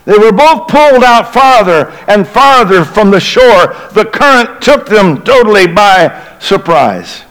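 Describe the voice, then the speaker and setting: A middle-aged man, a bishop, preaching a Christmas Eve sermon and telling a story dramatically, sinking to a hushed low voice at tense moments. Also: very animated, measured pace, few pauses, low-quality recording.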